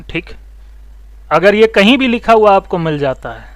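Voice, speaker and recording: A man teaching mobile phone repair, explaining circuits step by step, asking students questions and telling them to take notes, and talking fast. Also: high voice, no echo. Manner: talks fast, says so himself. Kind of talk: online electronics lesson.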